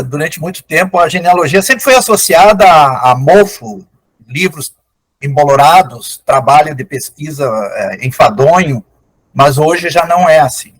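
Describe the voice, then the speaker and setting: An older man with a fairly high voice gives an online lecture as a guest genealogist over a video call. He explains things with enthusiasm in a conversational way, and the recording quality is low.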